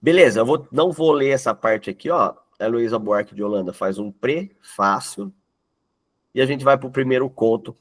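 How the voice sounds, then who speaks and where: A man's voice: medium pitch, animated, moderate pace. A man teaching a literature class in a casual exam-prep lecture, chatty, joking with students and often checking that they follow. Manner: jokey asides to students.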